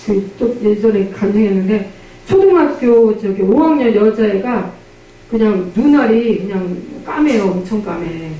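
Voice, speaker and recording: A woman's voice: medium pitch, mellow. A woman pastor preaching a sermon and telling a testimony, with emphatic questions and frequent amens. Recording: very echoey, from a distance.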